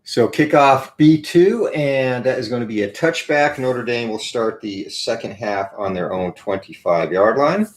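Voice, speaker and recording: A man hosting a tabletop college football game, explaining rolls and play results with frequent pauses and a morning voice. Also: medium pitch, low-quality recording. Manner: explains rules and dice rolls, many "uh" pauses. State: morning voice, clears throat.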